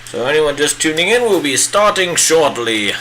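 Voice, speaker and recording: With a voice on the high side, a bit bright and swinging widely in pitch, a man paints live while playing a pompous, bearded old wizard. His put-on British accent drives hammy, drawn-out, grandiose theatrical speech. The audio is poor, with slight background noise.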